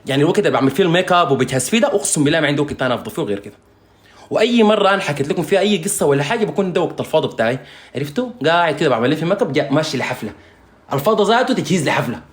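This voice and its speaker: Man, Sudanese Arabic accent, rapid rambling rant, mocking and insulting, slightly high voice, echoey room. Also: lively intonation. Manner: rambling, mocking, insulting, with frequent "you understand?". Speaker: singer vlogging while doing makeup. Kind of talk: casual ranting monologue to viewers.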